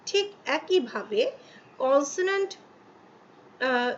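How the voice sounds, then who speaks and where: Woman, grammar teacher; high voice, reads English examples slowly, keeps checking in with the listener; dull lo-fi recording. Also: expressive. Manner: slow, drawn-out reading of English examples. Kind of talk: explaining articles to students in Bengali. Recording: dull lo-fi with faint ambient noise.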